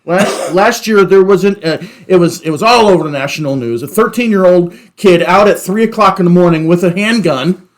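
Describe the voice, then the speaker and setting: A man's voice: high voice, a little fast. A man hosting a casual discussion, explaining things in an informal, conversational way. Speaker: podcast host.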